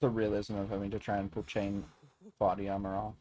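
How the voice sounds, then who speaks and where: A man's voice: on the low side, monotone, fairly quick, a little mellow. Joking, rambling male streamer. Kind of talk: live gameplay commentary.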